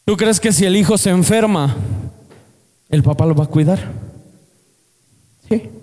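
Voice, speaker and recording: Casting: Mexican man preaching, earnest, quizzing the congregation, voice sits high. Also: measured pace, darkish tone. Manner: earnest, asks the congregation questions. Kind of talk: sermon. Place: church hall. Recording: long hall reverb.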